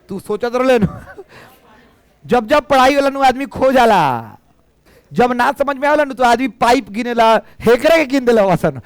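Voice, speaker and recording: Man, Bihari accent, high voice, smooth clear tone, dry sound, coaxing classroom teacher. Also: no echo. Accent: Bihari Hindi. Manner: teasing, coaxing students to answer. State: hoarse from years of teaching. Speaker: physics teacher. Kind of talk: classroom physics lecture. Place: classroom with students.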